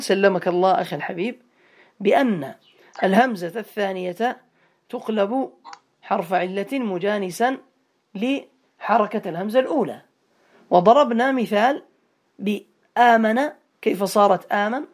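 A man's voice: sits high, moderate pace, pauses often. Guy teaching grammar over an online call, keeps quizzing students by name and drilling words. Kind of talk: online Arabic grammar lesson.

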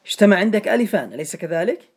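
A man's voice: sits high, big pitch swings, very fast, husky. Guy teaching grammar to a class, patient, says everything twice and quizzes folks. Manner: patient, repeats each step, quizzes students by name. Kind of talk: Arabic grammar lesson in an online class.

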